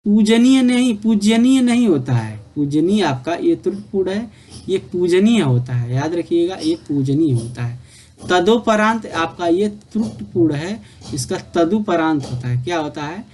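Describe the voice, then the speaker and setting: A man's voice: on the high side, a little mellow, slightly rough. Man drilling a spelling lesson. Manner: repetitive, drilling corrections with filler "आपका". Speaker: exam prep teacher. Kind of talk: spelling lesson for exam prep.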